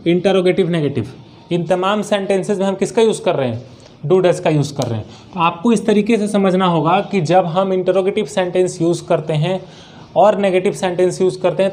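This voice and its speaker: A man teaching an English grammar lesson, who asks the class questions and then answers them himself, and reads his example sentences out slowly. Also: high voice, darkish tone. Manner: slow, drawn-out reading of example sentences. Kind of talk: grammar lesson explained in Hindi.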